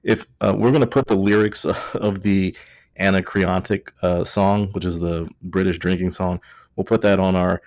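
A Texan man hosts a podcast a few beers in, tipsy and joking around in casual chat. He rambles and corrects himself, speaking at a normal speed in a low, darkish voice with fairly even intonation. The recording is dry.

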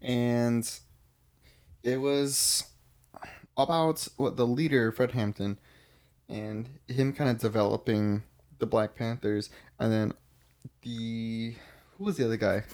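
A man's voice: mid-range voice, slow, long pauses. Man casually chatting about films. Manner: relaxed, searching for words. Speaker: podcast co-host. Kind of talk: casual film review chat.

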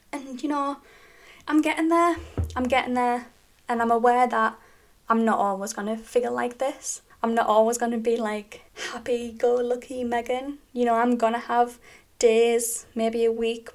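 A young British woman hosts her own podcast, her voice sitting a little on the high side. She talks openly and chattily, often breaking into small laughs between thoughts. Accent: British English. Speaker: podcast host. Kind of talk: personal podcast monologue.

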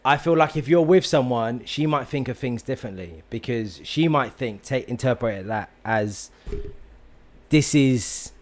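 Guy hosting a casual chat, explains stuff, asks questions, normal pitch. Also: normal speed, few pauses. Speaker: podcast host.

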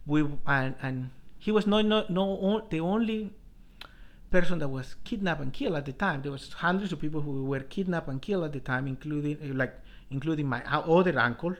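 A middle-aged man from Colombia, a professor telling his life story in an interview, halting with many restarts. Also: fairly high pitch. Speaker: professor, guest.

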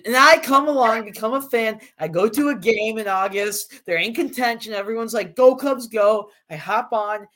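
A man's voice: high-pitched, sharp tone. A teenage boy co-hosting a casual podcast, rambling with lots of fillers and restarts. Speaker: podcast co-host. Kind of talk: casual chat.

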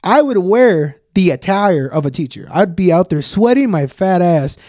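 A young man co-hosting a podcast, telling stories in a loose, profane, animated way with plenty of fillers. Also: sits high, moderate pace, no room sound, studio quality. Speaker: podcast co-host. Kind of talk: casual storytelling chat.

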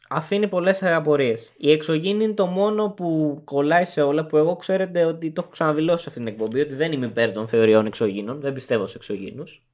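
A young man co-hosting a podcast, casually talking through arguments point by point. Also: fairly high pitch. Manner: analytical, lists arguments point by point. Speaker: podcast co-host.

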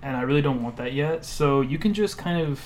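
Deadpan, teasing male podcast co-host. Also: mid-range voice, brisk, a little hiss or hum. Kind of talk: casual joking chat.

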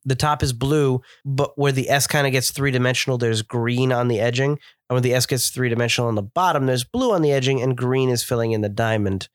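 A man's voice: medium pitch, fairly quick, few pauses, dry recording. Chatty stuffed-up man, dry close sound. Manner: chatty, descriptive, enthusiastic. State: stuffed up with a cold. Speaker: podcast co-host reviewing beer. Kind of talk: casual chat.

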